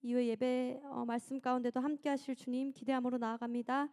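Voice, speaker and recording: A woman's voice: high voice, little pitch movement, fairly quick, clean tone. A woman leading fervent prayer between sung worship lines, with music playing underneath. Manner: fervent, rising from soft murmured prayer to loud sung pleading. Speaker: worship leader. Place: church sanctuary.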